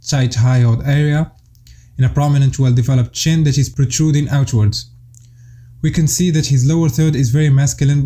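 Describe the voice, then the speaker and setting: A young man from Morocco talks through a scripted commentary in a steady, explanatory way. His voice is very dark and mellow. He sits at middle pitch and lays out his points in order, like a list. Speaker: YouTube commentator.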